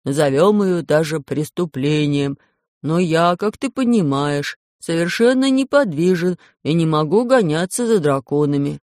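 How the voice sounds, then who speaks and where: A woman's voice: low-pitched, animated, measured pace, a little mellow, no echo, clean studio sound. A woman voicing a lonely, polite little spaceship that speaks in a wordy, formal, apologetic way in a storybook reading.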